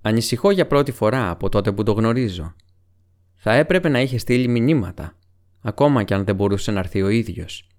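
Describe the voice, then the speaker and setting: A man's voice: fairly low pitch, expressive, a little mellow, natural voice. A man reading Strider, a grave weathered ranger. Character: grave weathered male ranger, calm and guarded. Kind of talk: audiobook character reading.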